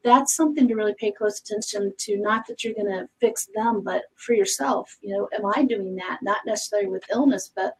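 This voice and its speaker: A woman's voice: fairly high pitch, animated, brisk, vocal fry, few pauses, slight background noise, poor audio. A woman co-hosting a casual talk show as a psychic medium, reflective and emphatic, with hesitant restarts. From Arizona. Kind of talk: casual panel chat.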